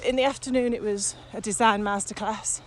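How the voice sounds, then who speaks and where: While walking outdoors on a muddy path, a woman who co-hosts a podcast and works as a virtual training coach chats casually, enthusiastic and animated about her subject. Her mid-range voice is fairly quick, with faint background noise.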